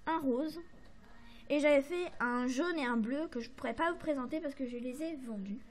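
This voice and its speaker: High-voiced French woman chatting about crafts. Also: moderate pace. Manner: chatty, hesitant, many fillers and apologies. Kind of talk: casual show-and-tell to camera.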